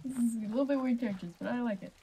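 A woman's voice: fairly high pitch, racing, creaky, dark tone, slight background noise, rough recording. A woman chatting casually through a game playthrough with giggly asides. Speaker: game streamer. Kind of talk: casual gameplay commentary.

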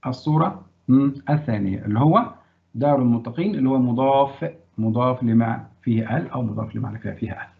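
A man's voice: mid-range voice, fast, vocal fry. Egyptian guy teaching grammar to a class, asks questions n praises answers, sounds like an old phone line. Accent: Egyptian Arabic. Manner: animated, quizzing students and praising answers.

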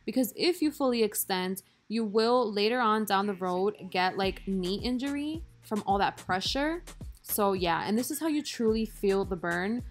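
A young woman, a fitness vlogger, narrates her workout video in a casual, upbeat voice-over with a self-deprecating touch. Her mid-range voice is expressive at a moderate pace, recorded away from the gym over background music.

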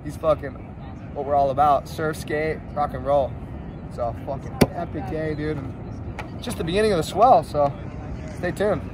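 Hyped surfer dude, noisy outdoor recording. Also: male voice, fairly high pitch, moderate pace. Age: young adult. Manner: slangy, profane, hyped surfer talk. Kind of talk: casual vlog chat. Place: open beach at sunset. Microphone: phone at arm's length. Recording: noisy outdoor phone recording, surf and wind.

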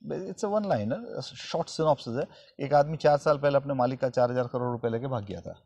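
A man's voice: mid-range voice, moderate pace, a little mellow, breathy edge, no echo. Chatty screenwriter man, Hindi-English mix. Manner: mixes English phrases into Hindi, frequent "है ना?" check-ins. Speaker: film screenwriter, interview guest. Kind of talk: relaxed conversational explanation.

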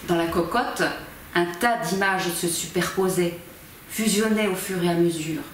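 A volunteer amateur reader in her fifties, with a voice on the low side, gives a theatrical reading of a novel using measured, expressive phrasing. A distant camera recorded her indoors in a small library corner, in a very echoey room with faint background noise.

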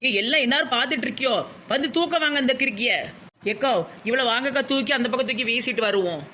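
A woman playing a fed-up village woman who complains rapidly, with a Tirunelveli Tamil accent. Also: high voice, bright, forceful tone, a little hiss or hum.

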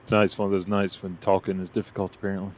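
Lower-voiced wingman over a helmet radio. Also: flat delivery, very fast. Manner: terse radio calls, dry joking. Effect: helmet radio transmission. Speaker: formation wingman. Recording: muffled radio over loud engine noise.

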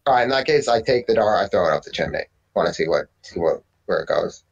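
A man's voice: low-pitched, expressive, fast talker, creaky, breathy edge. Eager young man on a dull mic. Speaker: player. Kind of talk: casual tabletop play.

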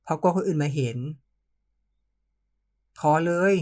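Audio novel reader, calm, first-person romance narration. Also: medium pitch, very fast.

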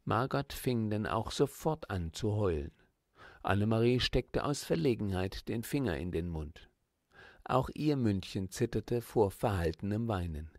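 A man reading a children's storybook aloud as audiobook narrator, in a calm, measured manner. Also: fairly low pitch, no echo, clean studio sound.

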